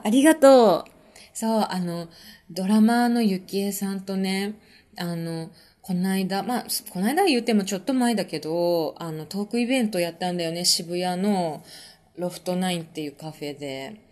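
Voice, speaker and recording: A woman's voice: mid-range voice, normal speed. Woman, live-stream host, casual chat, chatty, laughs a lot. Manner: chatty, relaxed, many fillers, laughs often; reads out viewer comments and answers them. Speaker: podcast host and musician.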